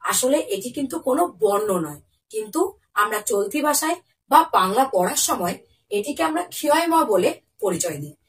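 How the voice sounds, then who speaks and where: This Bengali lesson for young children is delivered by a very animated woman with a mid-range voice, captured on a distant mic with slight background noise. She quizzes the pupils, answers the questions herself, and enunciates every example word slowly and clearly.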